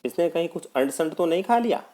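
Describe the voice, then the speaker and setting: A man's voice: a little high, animated, fast talker, mellow, pitched above the performer's own voice, natural voice. A male teacher voicing a worried mother who coaxes and frets over her sick young son. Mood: coaxing. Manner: fussing, pleading.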